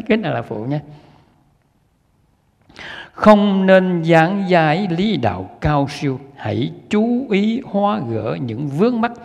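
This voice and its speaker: A man's voice: mid-range voice, gravelly, a little mellow, husky. A man giving an earnest Buddhist sermon, repeating himself and putting questions to his listeners. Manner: earnest, repetitive, rhetorical questions to audience. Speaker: Buddhist lay teacher. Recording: dull lo-fi recording with long hall reverb.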